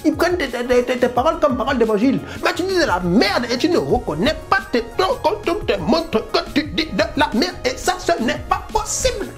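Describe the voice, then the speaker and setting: A man's voice: extremely high pitch, fast, creaky, few pauses, faint music behind, voice pushed up. A man with a blocked nose putting on a mock-furious ranting voice with an exaggerated accent. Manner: exaggerated put-on accent, indignant shouting rant.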